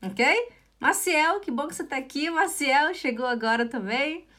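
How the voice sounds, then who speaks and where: A woman's voice: high-pitched, animated, sharp tone. Encouraging Brazilian woman teaching German. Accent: Brazilian Portuguese. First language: Portuguese. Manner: slow, exaggerated pronunciation drills; encouraging, repeats herself often. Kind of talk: live online language lesson.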